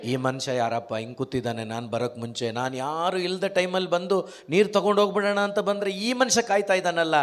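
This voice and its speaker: A man's voice: high-pitched, fairly even intonation, fairly quick. A man preaching an emphatic sermon, firing off rhetorical questions and calling out hallelujahs.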